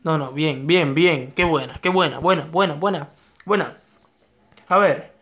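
Excitable high-voiced young man gaming. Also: measured pace. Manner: excitable, talks to himself and viewers, repeats phrases. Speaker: gaming YouTuber. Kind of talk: live gameplay commentary.

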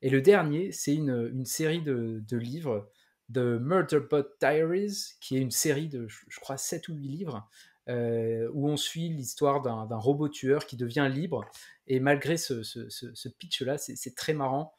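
A man's voice: medium pitch, measured pace, a little mellow. A man co-hosting a casual tech podcast chat. He hesitates often, using fillers and stopping to restart his sentences as he talks. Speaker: podcast co-host.

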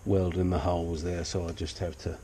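Talking a little fast in a low, level, mellow voice, an older man restoring engines walks through his work in a cluttered home garage. He's sniffly, blunt, chatty, and self-deprecating, with slight background noise.

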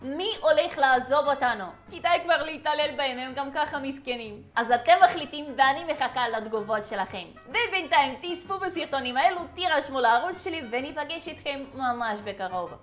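High-voiced woman teasing game characters. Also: animated, hardly any pauses, a bit bright, faint music behind. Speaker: gaming YouTuber. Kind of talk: playful game commentary.

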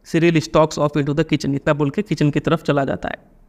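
Indian guy explaining a play, kinda high voice, keeps asking "ok?". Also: level tone, normal speed, darkish tone. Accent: Indian English. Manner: keeps checking understanding with questions. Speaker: teacher. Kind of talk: explaining a literature lesson.

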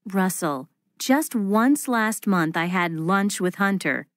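A woman voicing a young woman soothing her boyfriend in a scripted textbook dialogue, slow and clearly articulated. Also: medium pitch, lively intonation, dry recording, studio quality.

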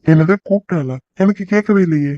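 A man's voice: fairly high pitch, brisk, no echo, lo-fi sound, lightly acted. A man voicing a bossy, questioning cartoon boyfriend. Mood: suspicious. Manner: terse, instructing.

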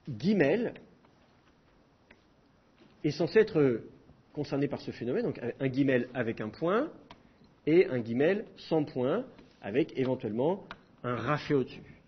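A man's voice: medium pitch, husky, lo-fi sound. A middle-aged man teaching a class, explaining with demonstrated sounds and self-mocking humor. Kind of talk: classroom lecture.

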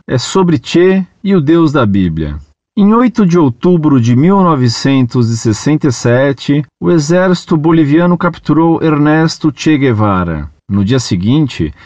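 A man reading a listener's letter aloud in a measured, deliberate way, phrases falling at the ends. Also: medium pitch, a little mellow, dry recording, highs cut off.

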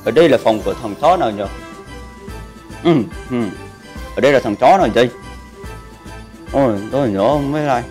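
A man's voice: medium pitch, fairly quick, pauses often, darkish tone, faint music behind. A man live-streaming a game, bantering crudely and jokingly with his viewers. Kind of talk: casual live-stream chat.

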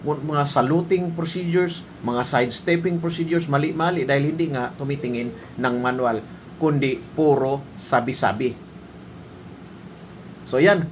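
Filipino man, mid-pitched voice, opinion commentary, emphatic and scolding, rhetorical questions, faint steady room hum. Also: measured pace, rough recording. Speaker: military training officer giving commentary.

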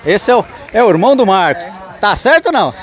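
A man's voice: high-pitched, sing-song, quick pace, fairly bright tone. A man from Mato Grosso do Sul filming a walking tour of an outdoor street market, greeting vendors and thanking his followers. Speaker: market vlogger.

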